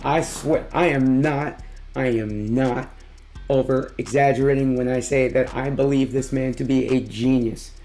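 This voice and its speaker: A man with a hoarse, tired voice giving a casual, excited music reaction in slangy, emphatic talk. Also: medium pitch. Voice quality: hoarse, worn-out voice from losing it. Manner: slangy, emphatic, drawn-out exclamations. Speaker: music reaction video host.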